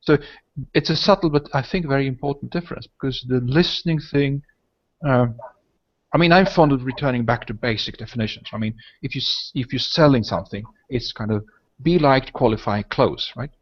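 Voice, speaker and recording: Hosting a laid-back online hangout, this native Swedish speaker rambles along, capping his points with "I mean" and "right?". His voice sits at medium pitch and moves fairly quickly, heard through lo-fi video call audio.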